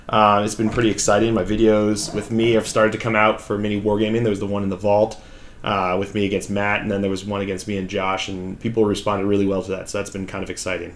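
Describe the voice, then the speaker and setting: A man with a raspy, fairly low voice hosts his own hobby channel, chatting casually into a new desk microphone from his home hobby room while painting. He rambles, with many fillers and restarts.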